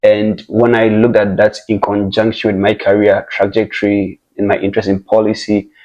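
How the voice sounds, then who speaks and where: A young man from Ghana, a guest in a casual interview, speaking in a measured, reflective way with many hesitations. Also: fairly low pitch, level tone, a little mellow, muffled recording. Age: young adult.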